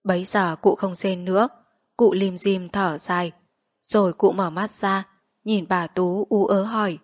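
Steady woman reading a story aloud. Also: mid-range voice, no room sound. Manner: measured, steady narration. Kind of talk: audiobook story narration.

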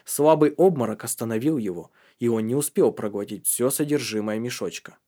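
A man's voice: medium pitch, fairly quick, dark tone. A man reading an audiobook with tense, dramatic scripted narration.

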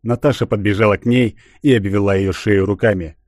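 A man reading a literary audiobook in a measured, even way. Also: on the low side, no echo, studio quality. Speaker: audiobook narrator.

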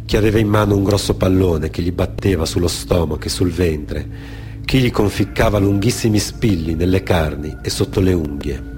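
A Genoese man with a deep, somewhat mellow voice speaks at a moderate pace against music. He's the author-performer and storyteller of a radio theatre programme, reflectively delivering dramatic stories drawn from off-the-cuff anecdotes and read testimony, sometimes halting and repeating phrases.

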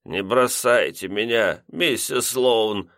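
A man's voice: fairly low pitch, slow pace, a bit bright, dry recording, studio quality. A man voicing a drunk, giggling heavyset lodger who talks in a silly, drawling way. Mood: tipsy.

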